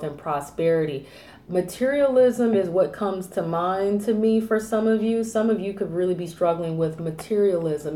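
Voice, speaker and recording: A woman with a mellow, fairly low voice talks through a tarot reading in a loose, rambling way. She circles back over the same points and leans on fillers. The room around her is echoey. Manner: rambling, repeats herself, lots of fillers. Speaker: tarot reader.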